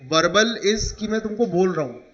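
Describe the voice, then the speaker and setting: A man with an Indian accent teaches a class in a high voice, explaining with examples and checking often that his students follow. The recording is dull and lo-fi. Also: animated, a little slow, fairly bright tone. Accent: Indian English. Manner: explains with examples, asks "ठीक है?" again and again. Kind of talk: classroom lecture.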